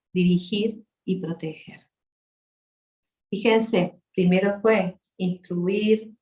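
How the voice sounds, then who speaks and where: A woman's voice: mid-range voice, darkish tone. A woman, preaching to a women's church gathering with passion and tenderness and sudden shifts in volume. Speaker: guest speaker at a women's church meeting. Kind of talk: sermon. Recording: echoey hall.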